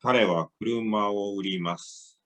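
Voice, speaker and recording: A man's voice: fairly low pitch, a little slow, fairly bright tone. A man carefully saying words and short sentences aloud so learners in an online class can repeat them. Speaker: pronunciation model. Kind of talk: modeling words for repetition. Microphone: video call.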